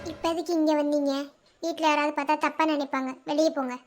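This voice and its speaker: A woman's voice: high-pitched, level tone, fast, loud music behind the voice, lightly acted. A woman voicing a young heroine in a cartoon love story, curtly and tearfully denying her feelings and telling him to leave. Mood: defensive. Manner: defensive, curt, dismissive.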